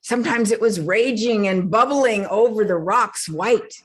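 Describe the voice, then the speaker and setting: An older woman storyteller performing a folktale with dramatic, hushed whispers and slow emphasis. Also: medium pitch. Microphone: stage mic.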